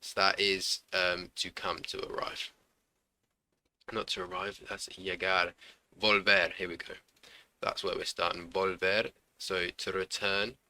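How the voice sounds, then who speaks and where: A man's voice: deep voice, flat delivery, slow pace, bright, forceful tone. A man hosting a casual language lesson, thinking aloud and correcting himself as he goes. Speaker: language learner host.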